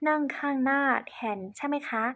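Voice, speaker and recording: Lady teaching in thai as a foreigner, a bit halting, polite, highish voice. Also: little pitch movement, fairly bright tone. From China. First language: Chinese. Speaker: presenter on cultural etiquette. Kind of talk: explanatory lesson to camera.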